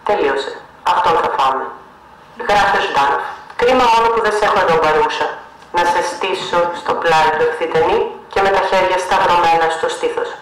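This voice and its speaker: A man's voice: high-pitched, a bit bright, a little hiss or hum. A man voicing a boastful, menacing male dictator, gloating and mocking during a live reading. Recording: echoey venue, mic far off.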